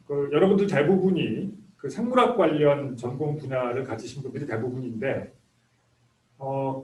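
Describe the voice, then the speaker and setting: Speaking in a slightly high, somewhat mellow voice, a man in his fifties from South Korea, a medical school professor, delivers a conversational, explanatory introductory lecture to graduate students. A distant microphone picks him up in an echoey room.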